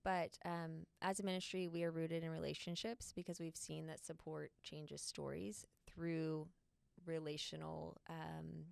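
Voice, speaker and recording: A woman co-hosting a ministry podcast, speaking in an earnest, thoughtful way with frequent filler pauses and a gravelly fry. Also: low-pitched, level tone, a little mellow, no room sound. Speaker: podcast co-host. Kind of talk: casual podcast chat.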